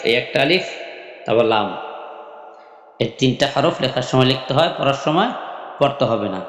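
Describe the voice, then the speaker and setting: Slow, patient man teaching recitation, echoey. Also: mid-range voice. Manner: patient, repeats each syllable, drills it, then asks and answers his own questions. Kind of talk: slow spelling lesson with chanted recitation. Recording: echoey room with long reverb.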